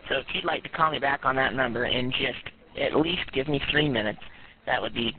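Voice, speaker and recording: A man's voice: mid-range voice, moderate pace. A man playing a doting elderly grandmother who rambles and calls people dear, heard over a phone line. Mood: sugary. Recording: tinny noisy phone line.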